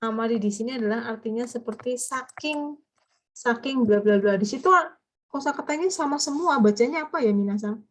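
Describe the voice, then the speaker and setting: A woman teaching a grammar class, patiently explaining and quizzing her students with drawn-out prompts. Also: on the high side, a little mellow. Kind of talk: live class lesson.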